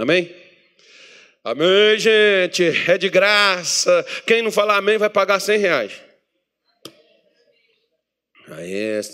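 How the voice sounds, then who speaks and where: Bright-voiced Brazilian pastor preaching. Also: male voice. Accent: Brazilian Portuguese. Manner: joking asides with the congregation, swinging from loud scripture reading to low murmurs. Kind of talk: sermon. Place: church meeting hall.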